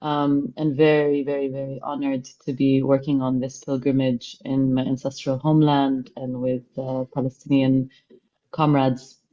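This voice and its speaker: A woman from Kuwait, a facilitator and singer, introducing herself on a video call in a measured way. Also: extremely low pitch, little pitch movement, mellow. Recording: dull, muffled video call audio.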